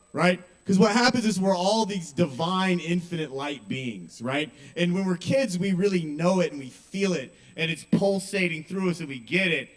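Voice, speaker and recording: A young man doing stand-up comedy at an open mic, talking casually, swearing and checking in with the audience. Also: high voice. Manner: conversational, asks the audience questions, swears. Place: small kava bar with live audience.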